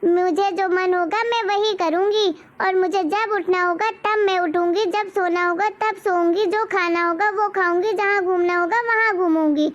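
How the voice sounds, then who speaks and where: A woman's voice: very high-pitched, steady tone, normal speed, few pauses, dull audio. A woman voicing a rude, defiant young daughter-in-law in a cartoon story, talking back in a sassy, bossy way.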